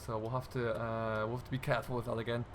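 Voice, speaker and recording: A man with a medium-pitched, level voice talks at a quick pace against slight background noise. As host and gaming video creator, he offers viewers a laid-back, conversational play-by-play of a farming simulator in this let's-play.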